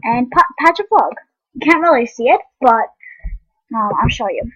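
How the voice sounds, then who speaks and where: High, breathy girlish gamer voice. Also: lively intonation, normal speed, a bit bright, no room sound, highs cut off. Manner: rambling, many ums and restarts; eating while talking. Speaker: game vlogger. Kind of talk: casual gameplay commentary.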